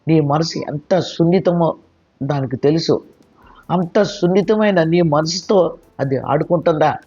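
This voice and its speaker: A man's voice: high voice, darkish tone. A man voicing a fiery, indignant young woman who scolds and pleads urgently, in a storybook reading. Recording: dull lo-fi with faint music.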